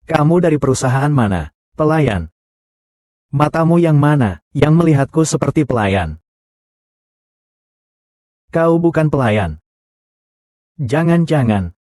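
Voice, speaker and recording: A man's voice: on the high side, very animated, takes it slowly, pauses often, darkish tone, no echo, studio quality. A man voicing the characters of a dubbed short drama, with a scornful, confrontational delivery.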